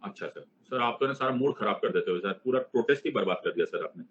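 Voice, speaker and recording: A man's voice: on the low side, lively intonation, fast, a little hiss or hum, voice pushed down, close to an everyday voice. A male teacher with an Indian accent putting on the voice of a cheeky, whiny student who teases him. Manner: whiny and teasing. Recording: dull lo-fi recording.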